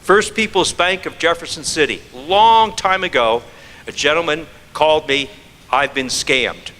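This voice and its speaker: A man's voice: a little high, expressive, normal speed, bright, forceful tone, long reverb tail. A man giving a scam-prevention presentation to an audience, firing off rhetorical questions and repeating key phrases for emphasis. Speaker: fraud prevention speaker.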